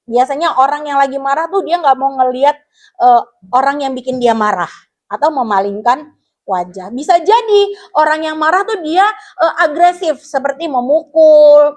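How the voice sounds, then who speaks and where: High-voiced woman teaching a class. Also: expressive, normal speed. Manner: explains to pupils, asks the class questions, calls them "Nak". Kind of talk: classroom guidance lesson.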